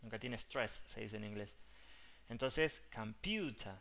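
A man's voice: fairly low pitch, a little slow, creaky, a bit bright. A man with a Rioplatense Spanish accent, an English teacher patiently explaining pronunciation step by step and mixing English terms into his Spanish.

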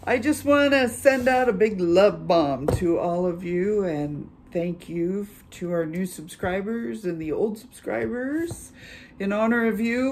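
A woman hosting her own channel, giving a casual tarot reading in an unhurried, chatty way with many filler pauses. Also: mid-range voice, darkish tone, slight background noise. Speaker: tarot reader and channel host.

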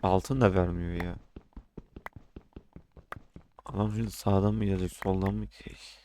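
A man's voice: deep voice, steady tone, normal speed. A young man casually commenting on his own gameplay, often frustrated, ranting and swearing at the game. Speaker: gaming streamer.

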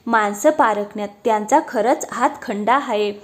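A woman voicing a shy, newly married young wife who blushes and gently protests. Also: a little high, moderate pace, lightly acted. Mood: bashful.

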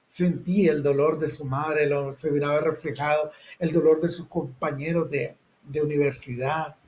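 A middle-aged Nicaraguan man, a photojournalist, telling his experiences vividly in an interview, acting out shouts and sound effects. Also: fairly high pitch, fairly even intonation, moderate pace, poor audio. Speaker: photojournalist guest. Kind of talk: personal storytelling interview.

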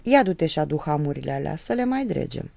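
A woman reading the part of a gruff, irritable peasant father in an audiobook, with a mocking edge. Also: low-pitched, big pitch swings, mellow, no room sound, heavily acted. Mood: gruff, sarcastic. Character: gruff sarcastic middle-aged peasant father.

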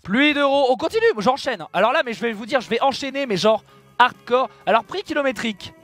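A video game streamer talks casually over his own play, crying out at his blunders and tossing joking, self-mocking remarks to viewers. His voice is very high-pitched, expressive, quick, and somewhat bright, with faint music in the background.

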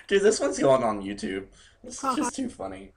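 Teasing young gamer guy, animated voice. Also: high-pitched, normal speed, vocal fry. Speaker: gamer recording the session. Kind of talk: casual multiplayer game chat. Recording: faint background noise.

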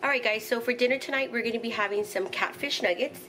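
With a fairly high, bright, forceful voice and a quick pace, a middle-aged woman narrates each step of a recipe on her home cooking channel, dropping the odd "um" as she cooks in her kitchen. Slight background noise is present.

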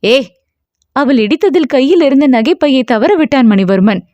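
Woman reading a novel aloud, steady, kinda high voice, dry close mic. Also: normal speed, no echo, muffled recording. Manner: steady storytelling. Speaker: audiobook narrator. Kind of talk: scripted narration.

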